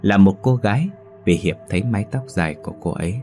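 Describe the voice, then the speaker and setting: A man's voice: low voice, lively intonation, fast, a little mellow, faint music behind. A man narrating a ghost story dramatically and acting out each character.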